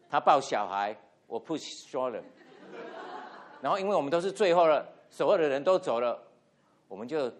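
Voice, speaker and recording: A middle-aged man, a pastor, telling a lively story in a sermon and acting out the dialogue, with English words mixed into his speech. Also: medium pitch. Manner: animated anecdote with acted-out quotes, code-switching English words.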